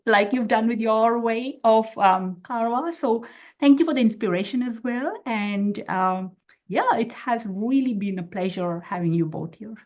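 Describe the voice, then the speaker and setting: A woman's voice: a little high, a little mellow. A woman host closing an interview with appreciative thanks. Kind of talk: interview wrap-up.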